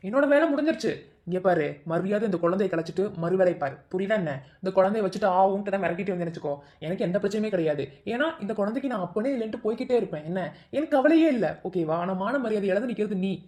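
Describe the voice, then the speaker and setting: In a cartoon love story, a woman with a medium-pitched, animated, somewhat dark voice plays a scheming and cruel young man, acting the part lightly. She talks fast, sneering and taunting as the mocking male villain.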